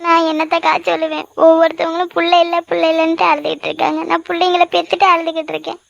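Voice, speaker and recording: A worn-out village mother laments her troubles in a cartoon, voiced by a woman. The voice is high and quick. The sound is close and dry. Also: flat delivery, no room sound, dull audio. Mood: lamenting. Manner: tearful, lamenting. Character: weary grieving village mother.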